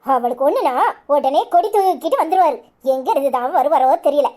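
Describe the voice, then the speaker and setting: A woman's voice: high voice, animated, fairly quick, mellow, slight background noise. A woman with a Kanyakumari Tamil accent voicing a quarrelsome young village wife in a cartoon, scolding and sarcastic. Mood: angry. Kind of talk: cartoon voice acting.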